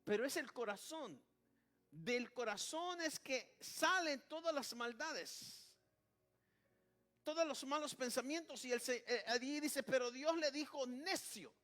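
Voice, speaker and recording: A man's voice: very high-pitched, animated, unhurried, a bit bright. A man preaching a sermon in Spanish, who keeps calling out to the congregation and praising Jesus, with many restarts. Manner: repeats "hermano" and "alabado sea el nombre de Jesús", with many restarts.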